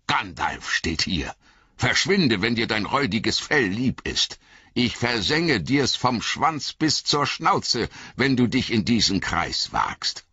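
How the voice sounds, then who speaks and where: A man voicing a stern, commanding old wizard who speaks gravely and forcefully. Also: lowish voice, very animated, measured pace, dry recording, dull audio, exaggerated voice.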